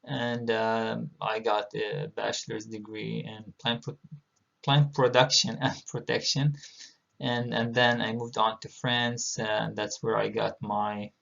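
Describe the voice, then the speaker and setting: A middle-aged man from Palestine, a university instructor, giving a recorded online lecture in a measured way with many filler pauses. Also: on the low side, flat delivery, gravelly, a bit bright. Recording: dull lo-fi audio.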